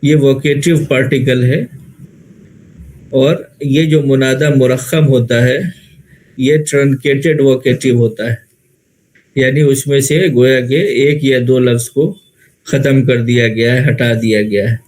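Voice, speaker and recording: This is a calm, methodical grammar lecture by a man who teaches Arabic, speaking with an Indian Urdu accent at an average male pitch. He keeps rephrasing and repeating each term patiently, asking and then answering his own questions, and the recording is rough.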